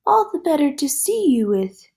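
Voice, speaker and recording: A woman voicing a sly scoundrel man who squeaks in a high, funny voice while disguised as a grandmother in a storybook. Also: sing-song, normal speed, mellow. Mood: squeaky. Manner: gloating cackle.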